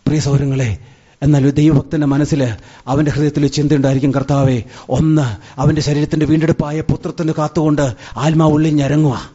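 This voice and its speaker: A man preaching a sermon in a fairly high voice, switching between his own language and English phrases. He climbs to emphatic peaks and drops low again. The recording sounds dull and lo-fi. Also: fairly even intonation, brisk, dark tone, breathy edge. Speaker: pastor.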